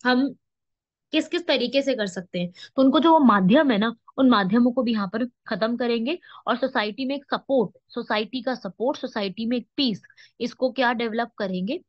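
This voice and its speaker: A woman with a slightly high voice teaches a current affairs lesson for exam students at a normal speed. She explains things step by step, with frequent rhetorical questions and check-ins. The recording is dull, dry lo-fi with no room sound.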